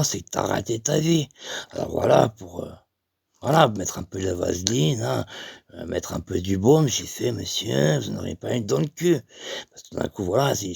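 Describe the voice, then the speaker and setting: A man with a heavily gravelly, husky voice spins an absurd comic monologue. He rambles and stumbles through fillers and restarts, and the sound is dry and close. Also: lowish voice, darkish tone, dry recording. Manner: rambling, halting storytelling with many fillers. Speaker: comedian.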